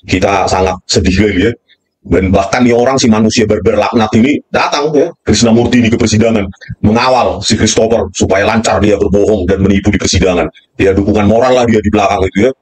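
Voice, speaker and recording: Husky man in a furious rant. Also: fairly low pitch, quick pace, darkish tone. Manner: furious ranting, repeats "ya" constantly. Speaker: commentator. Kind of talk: angry political commentary.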